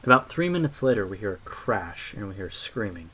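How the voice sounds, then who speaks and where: A man narrating a horror story in a low, hushed voice with dark asides. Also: sing-song, fairly quick, husky.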